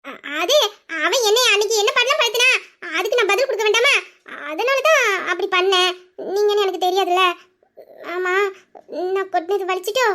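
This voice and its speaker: A mischievous young wife in an audio drama, played by a woman, chatty and boastful. Her voice sits very high, and she rattles along quickly. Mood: pouty. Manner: chatty and boastful, dropping to a hushed scheming tone. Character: playful, mischievous young wife named Ruby. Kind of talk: Tamil audio drama acting.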